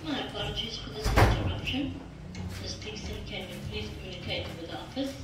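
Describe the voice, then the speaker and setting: A woman at a school office making a formal, polite paging announcement, heard over the intercom loudspeaker in a classroom. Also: medium pitch, animated, fairly quick. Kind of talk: public address announcement. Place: school classroom, heard through a wall speaker. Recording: echoey, distant, noisy intercom heard in classroom.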